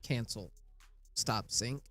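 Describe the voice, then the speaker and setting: Pushed and bright but taking things slowly, this mid-pitched male narrator has a scratchy, plain voice from a recovering illness. Over faint background music, he gives a casual, step-by-step game tutorial, laying out the instructions plainly.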